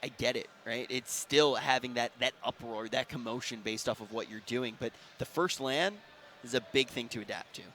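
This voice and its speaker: A young man commentating a live esports match with excitable energy and a slightly strained voice. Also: mid-range voice, moderate pace, slight background noise. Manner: energetic, excitable, talks over co-host.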